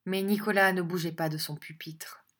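A woman narrating an audiobook with a measured, expressive reading. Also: lowish voice.

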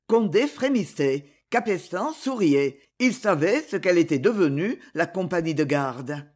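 An audiobook narrator reads a dramatic novel with expressive storytelling flair, at a slightly slow pace. Her pitch swings up and down constantly, keeping the reading lively.

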